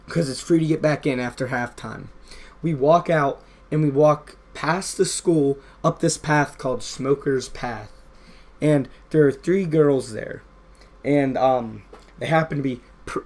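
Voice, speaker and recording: A man's voice: on the high side, a little mellow. Young man rambling through a story. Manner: rambling, filler-heavy storytelling. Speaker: gaming vlogger. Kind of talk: casual storytime over gameplay.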